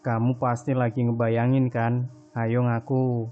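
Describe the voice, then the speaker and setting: A man's voice: mid-range voice, completely flat delivery, a little slow, lo-fi sound, soft background music, natural voice. A man voicing a chatty young woman roommate who teases, in a read horror story. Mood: teasing. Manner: teasing, chatty. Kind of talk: storytelling character voice.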